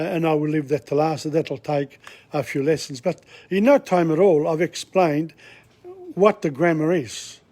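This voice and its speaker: A man's voice: on the high side, a little mellow. A man teaching an informal language lesson, talking in a rambling, digressive, chatty way. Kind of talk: casual spoken lesson. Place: Australia.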